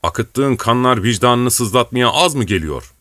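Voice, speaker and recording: A man's voice: mid-range voice, expressive, measured pace, sharp tone, no echo, pitched above the performer's own voice. Male reader as a brawling rebel chief, blustering, threatening, dry mic. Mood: reproachful. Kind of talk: audiobook reading.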